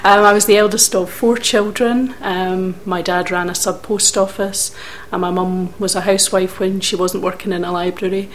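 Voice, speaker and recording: A middle-aged Scottish woman from Scotland, recalling her life story in an interview with measured, thoughtful pauses. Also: medium pitch, little pitch movement, slight background noise. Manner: measured, thoughtful recollection with occasional hesitations.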